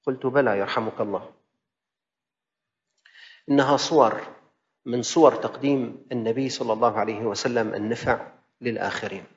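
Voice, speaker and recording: A man's voice: mid-range voice, fairly even intonation, moderate pace, pauses often. A male preacher, delivering a sermon in rhythmic, repetitive phrases and slipping from classical into colloquial asides. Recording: dull sound in a reverberant hall.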